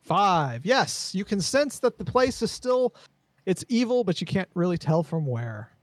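A man's voice: high voice, big pitch swings, unhurried, no room sound. A man running a tabletop game as game master, laid-back, often laughing and repeating himself.

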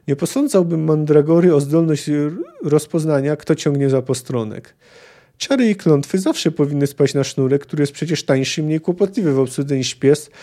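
A man reading aloud as a learned male alchemist who explains things calmly and with refined wording. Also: on the high side, close to an everyday voice. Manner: calm, precise, refined wording.

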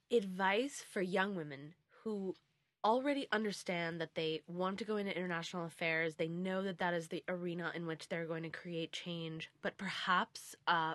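A woman hosting a podcast, asking interview questions in a clear, steady way. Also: lowish voice, moderate pace, dry recording. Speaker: podcast host.

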